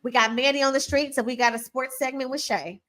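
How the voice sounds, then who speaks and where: An upbeat woman co-hosting a casual podcast, with a slightly high voice. She chats along easily and keeps things moving. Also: steady tone, fairly quick, a bit bright. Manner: upbeat, chatty announcements and short reactions. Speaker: podcast co-host. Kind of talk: casual chat.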